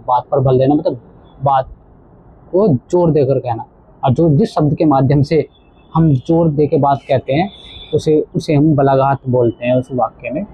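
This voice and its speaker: A male teacher explaining a textbook lesson to children, slowly repeating words for emphasis. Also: medium pitch, slightly rough. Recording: tinny phone-like audio.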